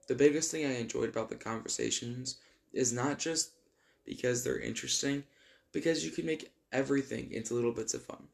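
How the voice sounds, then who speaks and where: A man's voice: medium pitch, creaky. A young man earnestly reading a heartfelt thank-you letter he wrote, then adding his own unscripted remarks. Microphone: recorded to camera for posting.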